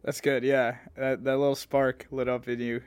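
A man's voice: medium pitch, little pitch movement, normal speed, clean tone. A young adult man co-hosting a casual podcast, chatting in a garage. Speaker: podcast co-host.

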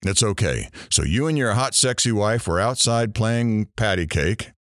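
A man's voice: fairly low pitch, expressive, moderate pace, natural voice. A man playing a talk show host, brash and teasing, hamming up each surprise.

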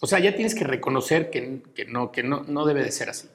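A man's voice: medium pitch, expressive, brisk. A middle-aged man with a Mexican accent, a guest giving frank, fatherly advice in casual conversation. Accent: Mexican Spanish. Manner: frank, fatherly, full of filler tags.

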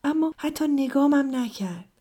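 Mellow-voiced woman narrating a memoir. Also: high-pitched, expressive. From Iran. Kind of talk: first-person memoir narration.

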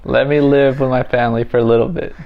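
Brief: male podcast co-host, mid-range voice, halting casual banter, muffled lo-fi recording. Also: mid-range voice, level tone, vocal fry. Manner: rambling, halting, joking. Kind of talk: casual couple chat.

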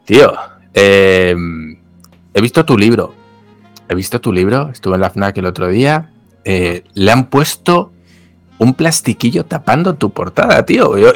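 A man with a Mexican accent, a podcast co-host who asks questions in an animated, incredulous way. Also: fairly low pitch, unhurried, no room sound, faint music behind. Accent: Mexican Spanish. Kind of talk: casual podcast chat.

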